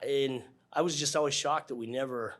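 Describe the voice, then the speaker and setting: A middle-aged American man, an air traffic controller appearing as an interview guest, answers casually and informally, chuckling and acting out snippets of dialogue as he explains. His mid-range voice is fairly quick and a bit bright, with fairly even intonation.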